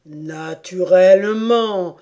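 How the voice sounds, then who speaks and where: A woman reading an audiobook voices a weepy, sentimental sea-turtle creature with a drawn-out, plaintive delivery. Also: lowish voice, dark tone. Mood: doleful.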